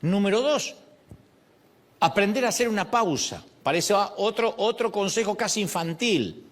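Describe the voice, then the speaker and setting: A middle-aged man delivers a sermon with a lively, swooping voice that sits a little high. He acts out prayers and quoted lines as he preaches. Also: measured pace. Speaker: pastor.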